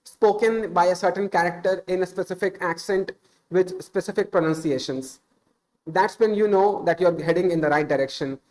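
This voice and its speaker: In a high, slightly mellow voice captured on a rough recording, a man in his thirties gives off-the-cuff advice on speaking English during a stream. His first language is Hindi and he has an Indian accent. He's earnest, dropping lots of little "uh"s and correcting himself as he goes.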